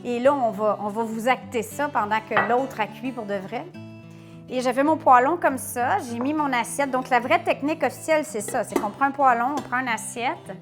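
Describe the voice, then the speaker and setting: A woman's voice: sits high, moderate pace, music in the background. A woman hosting a cooking tutorial, chatty and playful as she talks to viewers in a home kitchen. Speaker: cooking show host.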